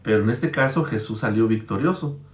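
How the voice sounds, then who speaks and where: A man's voice: fairly low pitch, brisk, roomy sound. A man preaching, retelling Bible stories in a conversational, storytelling way and checking in with his listeners. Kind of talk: Bible-teaching sermon.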